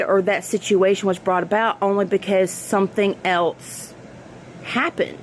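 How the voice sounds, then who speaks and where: A woman giving an earnest, reflective spiritual monologue in halting phrases, as in a personal vlog. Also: mid-range voice, darkish tone, slight background noise, poor audio. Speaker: spiritual vlogger.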